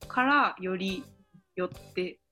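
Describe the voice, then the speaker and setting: A woman's voice: fairly low pitch, slow pace, sharp tone. A woman in a casual chat, speaking politely and laughing often. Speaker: podcast member.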